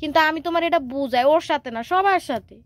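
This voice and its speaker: A young woman talks to her son in a high voice. She explains things patiently and at length, with a coaxing tone. Her speech is quick and runs on in casual home chat. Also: lively intonation.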